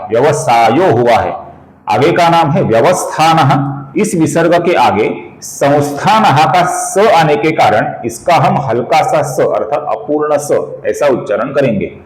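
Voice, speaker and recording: Guy doing a pronunciation lesson, slow careful syllables, roomy echo. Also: on the high side. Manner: patient, slows down to spell out syllables; addresses viewers as friends. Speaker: Sanskrit pronunciation teacher. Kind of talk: video lesson on chant pronunciation.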